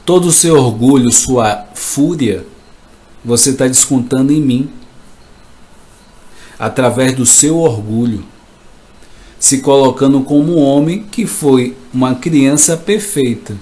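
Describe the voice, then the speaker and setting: A man voicing a young boy who reproaches his proud father with a string of accusing questions, spoken slowly. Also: mid-range voice, dark tone, natural voice.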